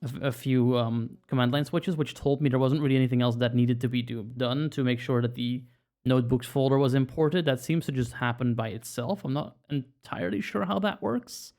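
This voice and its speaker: Casual man thinking aloud at mid pitch. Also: a little fast, soft background music. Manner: relaxed, rambling, thinks aloud with many fillers. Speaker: screen reader user presenting a tutorial. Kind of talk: casual walkthrough narration.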